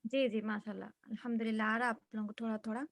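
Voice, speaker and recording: A woman's voice: a little high, little pitch movement. A woman teaching a reading lesson, patiently modeling and correcting each letter sound.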